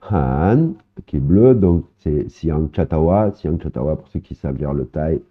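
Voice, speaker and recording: A man with a very low voice talks through an informal language lesson. He often stops to hesitate, repeats his examples, and adds little "hein"s. The sound is narrow and tinny, like it comes through a phone line. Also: animated, husky. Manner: explains slowly, repeating words, with many hesitations and filler "hein". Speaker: Thai language teacher. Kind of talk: casual online lesson explaining vocabulary.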